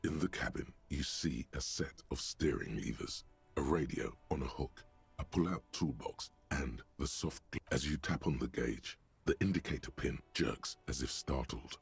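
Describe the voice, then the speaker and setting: A man voicing a brooding, wry inner-voice narrator in a video game, speaking in a measured, poetic way. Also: faint music behind, full character voice. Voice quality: very deep gravelly voice.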